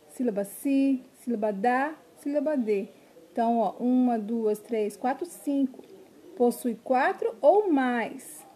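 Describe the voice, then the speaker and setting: A woman's voice: sits high, dark tone. A woman teaching a remote lesson to young children, spelling out syllables one at a time and checking in often to see if they follow. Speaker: primary school teacher.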